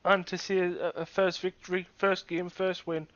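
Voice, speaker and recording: A dull, lo-fi recording of a man with a high-pitched voice doing live snooker co-commentary. He is conversational and opinionated, freely giving his own verdict on the play. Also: level tone, normal speed, fairly bright tone, no room sound. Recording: dull, lo-fi microphone sound.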